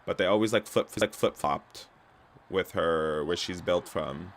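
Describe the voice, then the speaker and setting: A man from Canada chatting casually and gossipily while streaming a wrestling video game at home, with sudden loud yelps. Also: sits low, unhurried. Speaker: gaming streamer. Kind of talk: casual commentary while playing.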